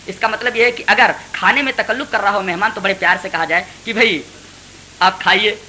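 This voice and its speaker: A man's voice: high voice, sharp tone, rough recording. A man giving a Quran commentary lecture, preaching emphatically with rhetorical questions.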